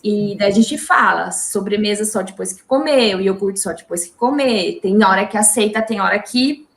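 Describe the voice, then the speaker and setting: A Brazilian woman, a mother, talking in a casual interview with halting speech and many restarts. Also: medium pitch, reverberant. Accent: Brazilian Portuguese. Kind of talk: casual video call interview. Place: home.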